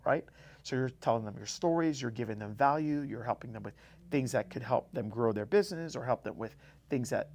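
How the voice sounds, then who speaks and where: A man hosting a solo motivational podcast, talking energetically and emphatically by himself in a room and repeating his key phrases. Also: mid-range voice. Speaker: podcast host. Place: room, alone.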